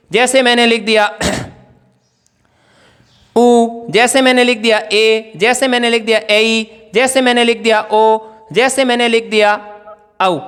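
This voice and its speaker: A male teacher with a very high, fairly bright, clean voice gives an exam-prep grammar lesson in a large hall. He poses questions and answers them himself while writing on a board.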